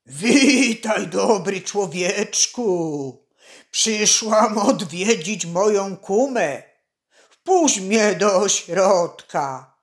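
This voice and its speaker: A woman voicing a scheming old witch in a storybook reading, with a raspy, loud, cackling delivery. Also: mid-range voice, animated, extremely slow, pitched above the performer's own voice. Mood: wheedling.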